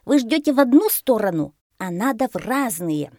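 A woman's voice: fairly high pitch, big pitch swings, normal speed, a little mellow, dry recording, clean studio sound, voice pushed up. A woman voicing a bossy, self-important parrot in a storybook reading. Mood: lecturing. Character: bossy know-it-all parrot.

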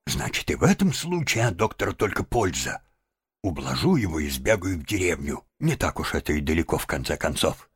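A man voicing a kind, sensible male water rat in an audiobook, speaking quickly and earnestly. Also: low voice, very animated, breathy edge, dry recording, studio quality, voice pushed down, exaggerated voice. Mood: worried. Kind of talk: audiobook character voice.

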